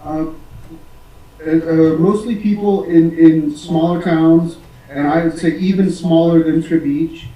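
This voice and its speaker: An American man who teaches English, answering interview questions casually with many pauses, fillers and restarts. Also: on the high side, steady tone, mellow, echoey room, far from the mic, poor audio. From United States.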